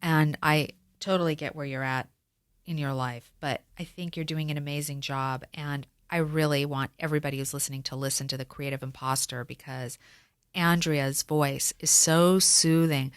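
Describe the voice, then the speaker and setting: Woman, very low voice, podcast host, encouraging, affirming, dry close-mic sound. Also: steady tone, moderate pace, smooth, no room sound. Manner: warm, encouraging and affirming toward her guest. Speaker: podcast host, former attorney. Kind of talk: casual conversational interview.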